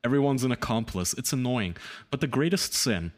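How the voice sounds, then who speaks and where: A man's voice: medium pitch, animated, fairly quick. A man giving casual, opinionated film chat in an emphatic, incredulous, sweary way.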